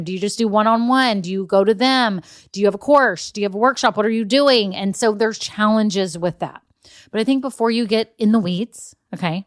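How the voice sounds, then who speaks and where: A woman's voice: medium pitch, dry recording, studio quality. A woman, hosting a casual solo podcast, chatty and encouraging with frequent asides. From Texas. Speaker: podcast host.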